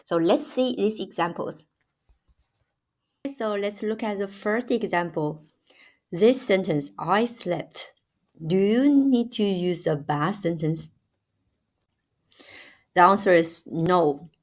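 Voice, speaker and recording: A woman's voice: mid-range voice, takes it slowly, pauses often. A woman giving a patient, emphatic grammar lesson as a language teacher, repeating each example.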